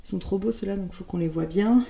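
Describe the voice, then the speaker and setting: A young woman vlogging in casual chat at home while arranging her bookshelf, chatty and slangy, meandering with many pauses. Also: mid-range voice, gravelly, dark tone. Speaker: book vlogger. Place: her apartment, next to a bookshelf.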